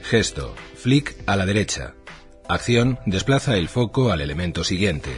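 A low-voiced man narrates an instruction manual. His intonation swings noticeably while he reads short labelled items formally. Faint music plays behind him. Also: very animated, normal speed.

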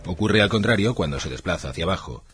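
A man's voice: low-pitched, expressive, fast talker, a bit bright. A man reading a scripted instructional manual in a formal way, item by item in short labelled phrases.

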